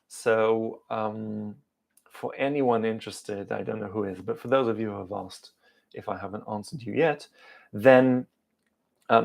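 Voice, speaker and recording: A car channel host in his thirties, whose English accent is tinged with South African, answers viewer questions during a live stream Q&A, chatting hesitantly with many fillers. His voice is on the low side and creaky.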